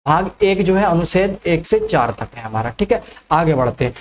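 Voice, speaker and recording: A man's voice: a little high, lively intonation, moderate pace, a little hiss or hum. A male teacher giving an exam-prep lecture, who keeps asking questions and then answering them himself, repeating the key facts and often adding "ठीक है".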